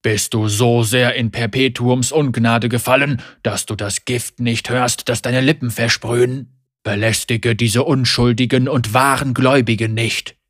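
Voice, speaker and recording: A man voicing an elderly male high priest who speaks calmly and deliberately, allowing no argument. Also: no echo, clean studio sound. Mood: stern. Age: older. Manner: calm, measured, commanding.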